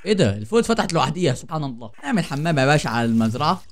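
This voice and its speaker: A man's voice: on the high side, very animated, racing. A young man with an Egyptian accent, joking and getting startled while he plays a horror game for his viewers. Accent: Egyptian Arabic. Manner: jokey, easily startled, chatty with viewers. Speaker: gaming channel host. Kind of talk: horror game let's play commentary.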